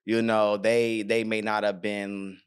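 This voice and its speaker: Low-voiced, rambling podcast host. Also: male voice, flat delivery, slow, clear, resonant tone. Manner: loose, rambling, swears casually. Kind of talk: casual podcast conversation.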